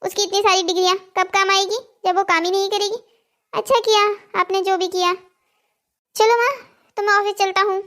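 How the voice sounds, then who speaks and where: A guilty, sneaky husband from a cartoon family drama, played by a woman. The voice sits very high for a man and keeps a pleading, slightly defensive edge. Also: fairly even intonation, moderate pace, fairly bright tone. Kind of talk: Hindi cartoon voice acting.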